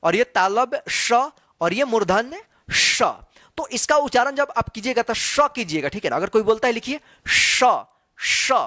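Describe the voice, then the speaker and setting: A man's voice: very high voice, lively intonation, normal speed, pushed and bright, no room sound. A man teaching the Hindi alphabet, asking question after question and repeating each sound to demonstrate it. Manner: repetitive, quizzing. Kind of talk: slow classroom explanation.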